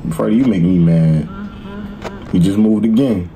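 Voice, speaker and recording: A young man streaming horror games with scared, excitable, slangy reactions and yelling at jumpscares. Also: low voice, normal speed, slight background noise, rough recording. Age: young adult. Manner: casual slangy speech. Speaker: gaming streamer. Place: small indoor gaming room.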